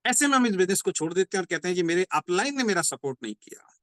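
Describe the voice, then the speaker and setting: A man giving a motivational business training talk. He explains by repeating points and asking rhetorical questions, and says key slogans slowly. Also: sits high, very animated, a bit bright, no echo. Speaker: network marketing trainer.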